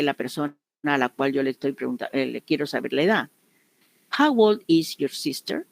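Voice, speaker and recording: In a clean recording with no room sound, a low-voiced woman teaches English grammar in an online class. She patiently says each example twice and often asks whether her students have understood.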